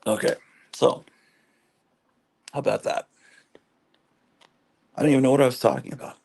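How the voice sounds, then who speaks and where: Gravelly-voiced man in his fifties. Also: mid-range voice, fairly even intonation, normal speed, darkish tone. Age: 50s. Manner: rambling, reads viewer chat aloud. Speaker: comic collecting livestream host. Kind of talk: casual livestream chat.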